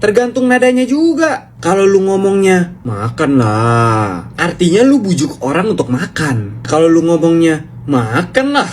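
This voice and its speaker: A man giving a casual explainer on word variations, rapid and playful with slangy speech. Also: high-pitched, lively intonation, a little mellow, a little hiss or hum. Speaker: language explainer video creator.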